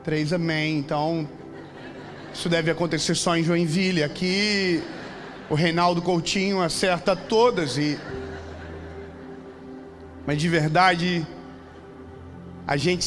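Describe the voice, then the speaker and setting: A Brazilian man in his thirties preaching a sermon with a high, ringing voice. He talks to the congregation in an easy, joking way, then builds to loud, repeated cries. Faint music plays underneath. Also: slow pace, pauses often. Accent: Brazilian Portuguese. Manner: swings from calm teaching to loud impassioned repetition.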